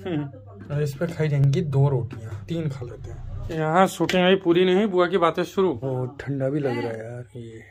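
A man's voice: on the high side, animated, moderate pace. A man vlogging at home, chatting casually and cooing at his dog in baby talk. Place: family home. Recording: background music under the voice.

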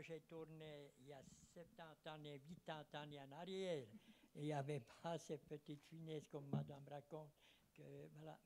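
A man's voice: a little high, a little mellow, slight background noise. A man in his eighties with a foreign Swiss German accent in his French, rambling and searching for words as he reminisces into a handheld microphone. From German-speaking Fribourg countryside, Switzerland. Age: 80s. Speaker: audience member, former travelling cinema operator. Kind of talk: reminiscing at a public round table. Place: seated in a cinema auditorium.

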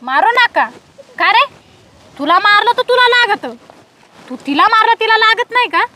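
Woman as a shrill, bright-voiced police madam, domineering and scolding, comedy skit. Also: expressive, a little hiss or hum, exaggerated voice. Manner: scolding, domineering, rapid-fire questions. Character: strict bossy female police officer, middle-aged.

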